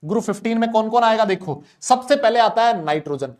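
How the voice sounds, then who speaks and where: Male tutor, high voice, casual lecture style with playful mnemonics and rhetorical questions. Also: lively intonation, a little fast. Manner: chatty, asks and answers his own questions, playful mnemonics. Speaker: chemistry teacher.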